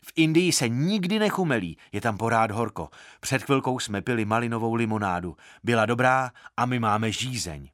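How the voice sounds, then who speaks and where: A man's voice: mid-range voice, animated, few pauses, a bit bright, no echo, clean studio sound, close to an everyday voice. A man voicing a feverish little boy who whines and pleads in a childish way. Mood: chattering.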